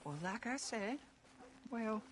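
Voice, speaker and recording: An actor playing a nervous, evasive American debtor who stammers and hesitates in a video game. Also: male voice, sits high, slow pace, a bit bright, slight background noise. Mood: uneasy, evasive. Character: nervous, evasive male debtor with shaky morals.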